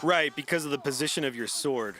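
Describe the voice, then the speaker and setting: A man playing a game with a friend on a live stream, excitable and often exclaiming. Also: medium pitch, brisk, noisy background. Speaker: co-player guest. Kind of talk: casual gaming chat. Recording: game music behind.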